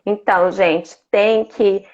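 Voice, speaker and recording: A woman's voice: mid-range voice, steady tone, takes it slowly, a little mellow. A woman speech therapist explaining, as a guest in a live talk. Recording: dull lo-fi sound.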